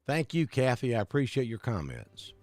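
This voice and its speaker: Chatty weatherman, lively pitch. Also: normal speed, faint music behind. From Alabama. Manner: chatty, greets viewers by name. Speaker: weather broadcaster. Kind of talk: casual live-stream weather talk.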